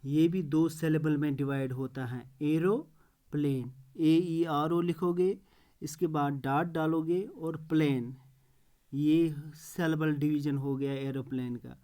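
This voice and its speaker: A man's voice: a little high, steady tone, slow, warm tone, clear, resonant tone. A male teacher explaining a classroom lesson, repeating words and spelling them out letter by letter, praising students in passing.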